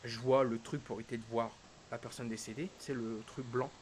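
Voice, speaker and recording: Male streamer, emotional personal story, halting delivery, hushed then raised, mid pitch, steady hiss behind. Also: rough recording. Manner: halting, quotes dialogue, swings between hushed and raised. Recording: hissy background noise.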